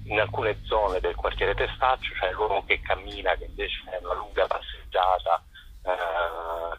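A festival director joins a radio call-in as a phone guest, hesitating with many fillers. His voice is low-pitched and husky, heard over a muffled phone line.

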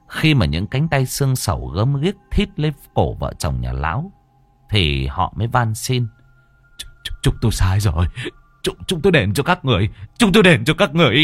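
A male horror narrator with a low voice tells a ghost story dramatically, swinging his pitch up and down with each turn. The recording is dry and close, with no room sound at all. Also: no echo.

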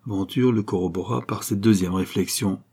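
A man's voice: fairly low pitch, moderate pace, dark tone, husky. A man reading a classic novel aloud as an audiobook narrator, lifting his voice for the dialogue.

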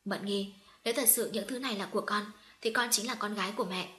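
A woman's voice: mid-range voice, fast, fairly bright tone, natural voice. A woman reading as a grieving middle-aged mother who is tearful and apologetic.

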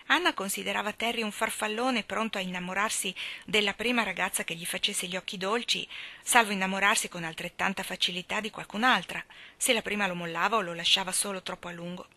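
A woman reading a novel aloud as an audiobook narrator, in a calm, measured, soft way. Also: fairly low pitch, no room sound. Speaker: audiobook reader.

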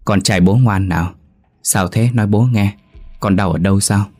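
A man reading a calm young father, deep and reassuring. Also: normal speed, faint music behind, lightly acted. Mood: coaxing. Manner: reassuring, coaxing.

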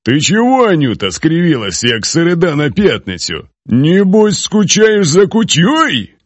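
A man's voice: fairly high pitch, big pitch swings, unhurried, dry recording, highs cut off, pitched above the performer's own voice. A male narrator voicing a crude, blustering old KGB general who barks orders in an audiobook. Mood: boisterous. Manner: barking, commanding, coarse.

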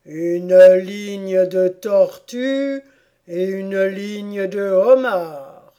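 A woman's voice: mid-range voice, extremely slow, mellow. A woman voicing a tearful, doleful sea-turtle. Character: weepy sentimental sea-turtle creature, slow and doleful.

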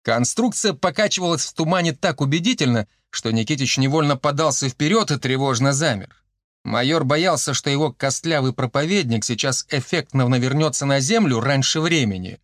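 A man reading an audiobook in steady storytelling narration. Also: medium pitch, brisk, no room sound, studio quality.

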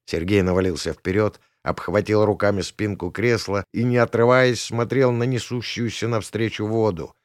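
A man reading a first-person audiobook in a gruff, colloquial way. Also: on the low side, fairly even intonation, normal speed, hardly any pauses, dry recording, studio quality. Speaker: audiobook narrator.

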